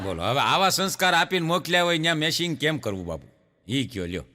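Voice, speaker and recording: Comedian guy on stage, high bright voice bouncing all over, big hall echo. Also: fast talker. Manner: lively storytelling, acting out characters' quoted lines. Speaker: stand-up comedian. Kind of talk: Gujarati joke telling to an audience. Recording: long hall reverb, stage show.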